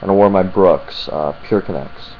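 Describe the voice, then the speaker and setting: Very deep-voiced man vlogging through muffled hum. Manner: halting, searching for details mid-thought. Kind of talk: casual vlog talk to camera. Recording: muffled sound with clear electrical hum.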